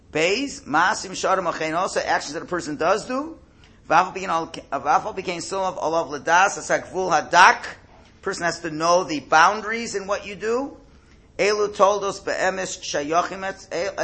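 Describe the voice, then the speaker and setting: A man's voice: on the high side, bright, forceful tone. A rabbi giving a religious text lesson, reading and translating aloud in an explanatory way, his speech slightly off from a cold sore on his tongue. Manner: explanatory, repeats phrases in translation.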